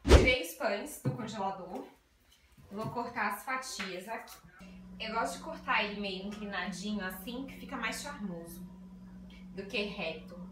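Mulher animada gravando vlog de culinária. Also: female voice, mid-range voice, a little slow. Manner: chatty, explains each step to viewers. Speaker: cooking vlogger. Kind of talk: casual cooking vlog. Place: small tiled home kitchen. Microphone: phone on a tripod. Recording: echoey room, distant phone mic, background music.

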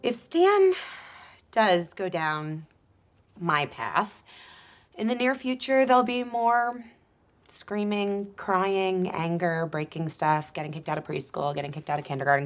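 An actress playing a brash, scatterbrained young party-girl in a sitcom, talking in a loud, bubbly, bragging way. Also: deep voice, measured pace. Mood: warning. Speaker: sitcom character. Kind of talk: sitcom acting.

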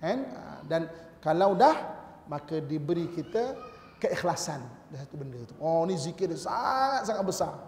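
A man's voice: fairly high pitch, big pitch swings, normal speed, a little mellow, slight background noise. A man with a Malaysian Malay accent giving a chatty religious lecture in a mosque, speaking straight to his listeners and reciting Arabic phrases. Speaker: religious teacher. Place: large mosque hall. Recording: echoey mosque hall with long reverb.

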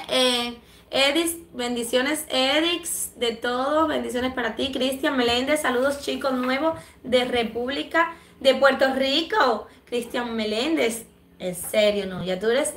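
Cuban woman livestream host, higher voice, affectionate chatter, echoey room, allergy throat-clearing. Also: a bit bright, slight background noise. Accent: Cuban Spanish. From Cuba. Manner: chatty and affectionate, many fillers. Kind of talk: casual livestream chat reading comments.

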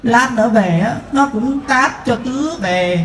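A woman's voice: a little high, unhurried, echoey room, close to an everyday voice, poor audio. A woman playing a teasing village man. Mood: mocking. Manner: dry, teasing, mocking. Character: teasing male village neighbor Anh Tu.

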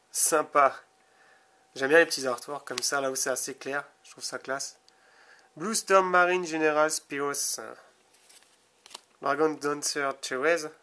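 A young man from France casually commenting while opening a box of trading cards, reading card names slowly with small asides. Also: a little high, bright, forceful tone. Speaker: card-opening video host.

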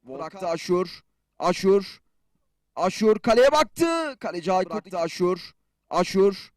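A man commentating on a football match in short clipped phrases, screaming excitedly as shots and goals come. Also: sits high, a little slow, no room sound. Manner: short clipped phrases, calling players by first name.

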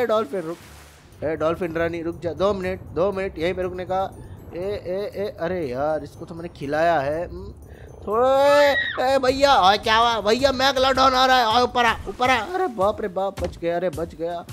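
High-voiced, excitable male gamer. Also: slight background noise. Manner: playful, excitable, chatters to in-game animals. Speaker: gaming YouTuber. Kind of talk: let's-play commentary.

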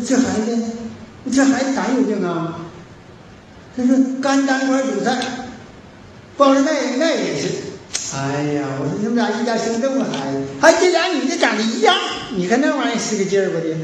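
A man with a Northeastern Mandarin accent tells stories in a folksy moral sermon, acting out the dialogue with broad animation. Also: high-pitched. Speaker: moral teacher lecturing at a forum. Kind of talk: storytelling folk sermon. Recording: very echoey hall, distant mic, faint hiss.

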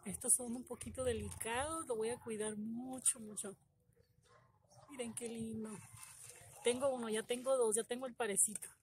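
A middle-aged woman, talking excitedly to viewers in a casual unboxing video, her voice trembling with emotion. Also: fairly high pitch, normal speed, slight background noise. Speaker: gardening vlogger.

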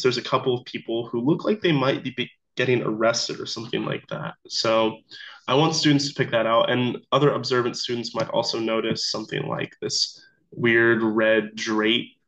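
A young adult man, a student teacher, is sick and slightly off voice as he walks through an activity in a recorded slideshow, halting casually and saying um a lot. His mid-range voice is a bit bright. The laptop webcam mic in a small indoor room gives dull, lo-fi video-call audio.

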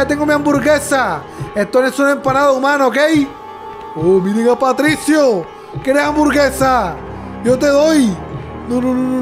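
A man hosting a let's play, talking excitably and constantly calling out to his viewers as friends. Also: extremely high pitch. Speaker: gaming channel host.

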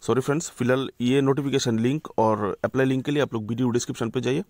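A man's voice: medium pitch, steady tone, quick pace, a little mellow, dry recording, studio quality. A man hosting a channel, giving an informal voice-over that walks viewers through a job notification, often calling them friends and correcting himself. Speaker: YouTube channel host.

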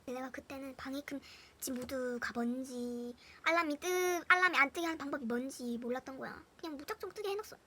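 A young woman with a Gyeongsang Korean accent telling funny school stories to her viewers in a casual, animated way, swinging between hushed whispers and loud bursts with lots of laughter. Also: sits high, fairly quick, a little hiss or hum. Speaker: storyteller vlogger. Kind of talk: casual anecdote storytelling to viewers.

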